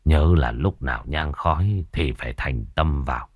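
A man voicing an old village sorcerer in an audiobook, with a husky voice and slow, solemn advice. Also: extremely low pitch, no room sound, phone-quality sound. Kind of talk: audiobook character voice.

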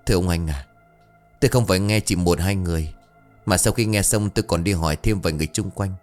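A man's voice: sits low, fast talker, faint music behind, close to an everyday voice. Stern blunt businesswoman, as a man puts her on. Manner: curt, accusing.

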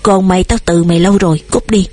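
A woman voicing an old father who shouts and trembles with rage, with a husky voice. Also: lowish voice, fairly even intonation, quick pace, close to an everyday voice. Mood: furious. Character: old father, furious and failing.

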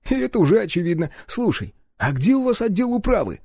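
A man voicing a crude, cocky young male partner who talks in a loud, mocking way. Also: high-pitched, big pitch swings, quick pace, gravelly, breathy edge, no echo, clean studio sound, pitched above the performer's own voice, full character voice. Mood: brash mocking.

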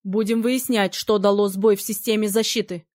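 A woman's voice: medium pitch, fairly even intonation, moderate pace, darkish tone, no echo, clean studio sound, close to an everyday voice. Woman reading as a stern commanding battle mage. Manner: commanding, then silky and menacing.

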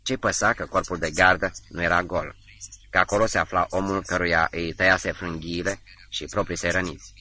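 A man reading a novel aloud as an audiobook narrator, in a measured, steady way. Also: deep voice.

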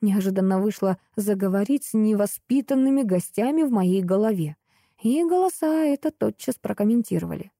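A woman narrating a fantasy audiobook in the first person, reading in an expressive storytelling way. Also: mid-range voice, a little fast, no room sound, clean studio sound.

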